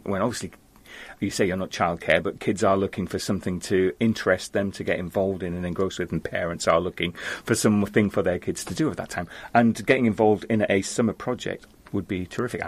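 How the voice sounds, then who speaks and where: A male interview host who asks long questions, often stumbling and repeating words as he builds them. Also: sits low. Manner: hesitant, repeats words while forming questions. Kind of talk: conversational interview.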